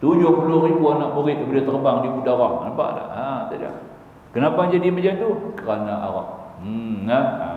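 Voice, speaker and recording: A man's voice: medium pitch, fairly quick. Man lecturing in echoey hall. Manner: keeps asking listeners "see?", storytelling with humor. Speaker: religious teacher. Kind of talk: religious lecture. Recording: echoey hall, dull lo-fi sound, faint hiss.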